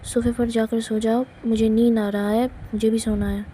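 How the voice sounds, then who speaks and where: A woman's voice: on the high side, flat delivery, normal speed, mellow, a little hiss or hum, lightly acted. A woman voicing a hurt, short-tempered young woman who talks in curt, scolding lines. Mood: irritated.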